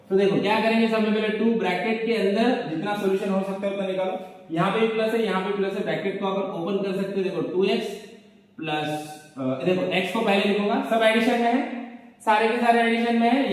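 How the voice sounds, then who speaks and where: A man with a high voice teaches a maths lesson, coaxing students along by asking questions and then answering them himself. He stands back from the mic in a hard, echoey room, so a long reverb hangs after his words. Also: a little mellow, distant mic. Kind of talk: board lesson explaining step by step.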